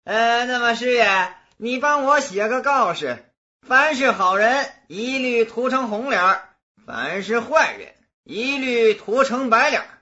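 Woman putting on a dopey old magistrate guy, slow draggy voice, swings all over, kinda muffled lo-fi. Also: fairly high pitch, lively intonation, bright, forceful tone. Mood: pleased. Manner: slow, puzzled, drawling. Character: dim-witted lazy old county magistrate, male. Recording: dull lo-fi recording.

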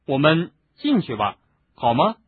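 A man's voice: mid-range voice, big pitch swings, quick pace, husky. A man voicing a blunt, worried teenage boy in an audiobook, speaking in a raised, anxious way. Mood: puzzled. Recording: narrow phone-like sound, faint hiss.

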